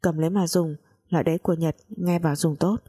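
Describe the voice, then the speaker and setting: A woman's voice: fairly low pitch, fast, breathy edge. A woman voicing a cold, reserved wealthy male master who speaks curtly in a spoken story. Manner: curt, flat, cold.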